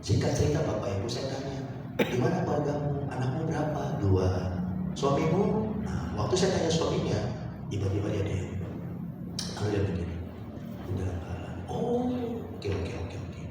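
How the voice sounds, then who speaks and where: A male pastor telling a story in a sermon to his congregation, then rising into loud exhortation. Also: medium pitch, sing-song, normal speed. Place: large church hall. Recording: echoey hall from far off, noisy.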